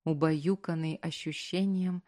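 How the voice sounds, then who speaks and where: Soft-voiced woman narrating an audiobook. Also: sits low, steady tone, a little slow. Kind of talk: scripted narration.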